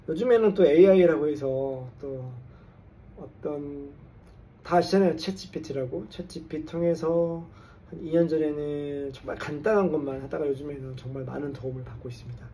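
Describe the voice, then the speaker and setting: A South Korean man in his forties, a construction engineer and English coach who hosts a channel, talks casually to camera in a vlog monologue while a little tipsy after drinks. He mixes English jargon into his speech. His voice is a little high and mellow, recorded from a distant mic.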